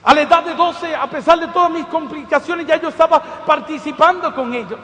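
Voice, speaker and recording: Male preacher, very high voice, fervent testimony-sermon delivery, keeps calling the listeners "dear brother", long hall reverb. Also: a little fast, pushed and bright.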